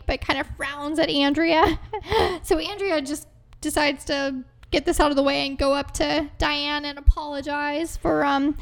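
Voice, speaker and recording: A woman chats casually on a TV recap podcast, filling her talk with ums and small laughs. Her voice sits high. It also carries a gravelly, fry-laden texture. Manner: chatty, many ums and laughs. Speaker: podcast co-host. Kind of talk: casual chat recapping a TV episode.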